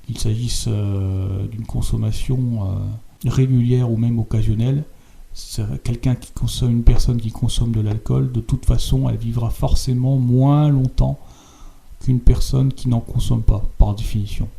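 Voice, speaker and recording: A man with a very dark, gravelly voice talks through images shown on screen. He hesitates a lot and repeats words as he goes. He keeps pressing his point with tag questions at the ends of his phrases. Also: mid-range voice, fairly even intonation, a little slow. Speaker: video host. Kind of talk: spoken commentary over on-screen images.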